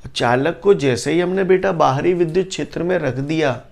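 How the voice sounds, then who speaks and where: A male physics teacher, lecturing a class, quizzing students and repeating definitions slowly. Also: on the high side, gravelly, a little mellow.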